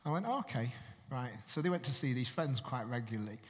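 A man's voice: medium pitch, animated, quick pace. Man preaching in a hall. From Manchester, England. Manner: conversational, chatty preaching with questions to the congregation. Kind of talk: sermon.

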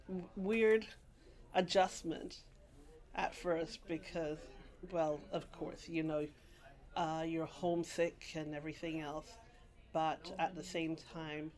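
Woman from England, middle-aged, lowish voice, rambling, restarts, laughs, oral history interview. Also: fairly even intonation, takes it slowly, pauses often, a little mellow. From England, grew up partly in Guyana. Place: library.

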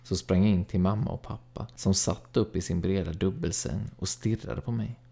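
A man narrating a first-person story in a calm, even storytelling read. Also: sits low, creaky. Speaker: audiobook narrator.

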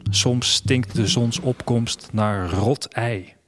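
Over background music, an actor speaks in the first person as a reflective man of a future world, narrating a radio drama in an intimate way. His voice is mid-range, slow-paced and natural.

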